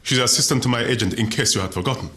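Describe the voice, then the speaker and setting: An actor playing a man who answers accusations with cold, measured replies. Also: mid-range voice, pushed and bright, lightly acted. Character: cool, guarded man under accusation. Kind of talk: TV drama acting.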